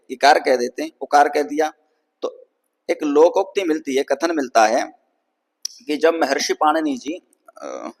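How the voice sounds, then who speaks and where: Hindi-speaking Sanskrit teacher in reverberant hall. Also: male voice, on the high side. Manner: patient, repeats "ठीक है ना" to check understanding; draws out vowels to show their length. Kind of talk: explanatory lecture.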